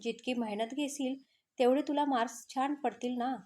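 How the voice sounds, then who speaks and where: A woman voicing a calm, caring young male student who speaks reassuringly. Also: high voice, normal speed, lightly acted.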